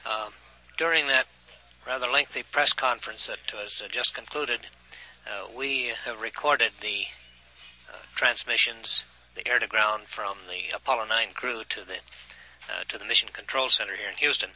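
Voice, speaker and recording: A man making a halting live announcement as a mission control public affairs announcer. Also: on the low side, pushed and bright, poor audio.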